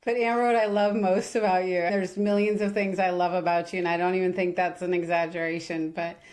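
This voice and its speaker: A woman's voice: on the low side, level tone, a little fast, a little mellow. Giggly, enthusiastic woman podcast host. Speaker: host, coach. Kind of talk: casual podcast chat.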